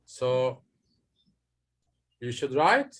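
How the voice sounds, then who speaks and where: A man's voice: mid-range voice, big pitch swings, drawn-out words, fairly bright tone. A male teacher in a classroom, patiently explaining a lesson to students step by step with frequent hesitations. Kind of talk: classroom lesson, questions and answers.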